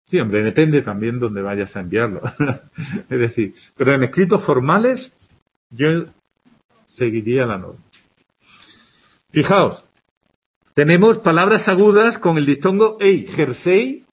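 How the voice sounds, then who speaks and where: This man from Spain teaches grammar to a class, his voice sitting on the high side with a lively, breathy-edged delivery. He talks unhurriedly, pausing often, stacking up examples and asking his students "¿de acuerdo?" as he moves along.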